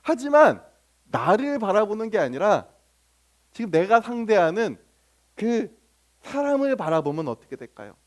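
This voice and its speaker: A man's voice: high voice, very animated, measured pace, pauses often. A male pastor preaching a sermon. He keeps asking the congregation questions, answers them himself, and acts out little everyday scenes. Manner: acts out remarks of church members and strangers in little sketches.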